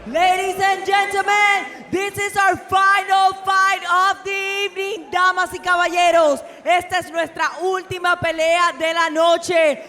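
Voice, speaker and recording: A man working as a bilingual ring announcer in a lucha libre style, booming and stretching out fighters' names. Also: flat delivery, a little slow, hardly any pauses, bright, forceful tone. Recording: live arena PA, noisy crowd.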